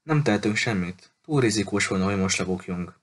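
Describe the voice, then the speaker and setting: A male audiobook reader voicing an upset young girl in an agitated, pleading tone, barely changing his own low voice. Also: animated. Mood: urgent.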